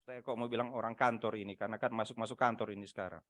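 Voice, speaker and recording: A man preaching a sermon over a video call, swinging between loud emphatic lines and quiet asides, often asking his listeners rhetorical questions. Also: lowish voice, steady tone, very fast, no echo. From Manado, Indonesia. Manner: asks the congregation rhetorical questions. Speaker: pastor.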